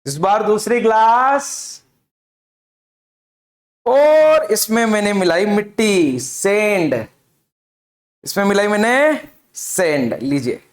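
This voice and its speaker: A man's voice: high-pitched, expressive, takes it slowly, pauses often. A man teaching a chemistry lesson, asking his own questions and answering them, repeating key terms. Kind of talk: classroom lecture with demonstration. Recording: echoey room.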